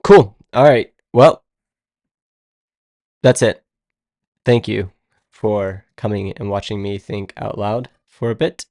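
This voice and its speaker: A man's voice: on the low side, takes it slowly, long pauses, a little mellow, no room sound, clean studio sound. A man live-streaming his coding work, thinking aloud in a rambling, casual way and muttering to himself as he goes. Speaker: live-streaming web developer.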